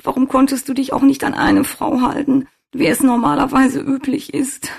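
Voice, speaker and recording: A woman's voice: deep voice, moderate pace, gravelly, a little mellow, breathy edge, pitched above the performer's own voice, full character voice. A reader voicing a distraught young woman who is crying and pleading in a German audiobook. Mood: sobbing, despairing.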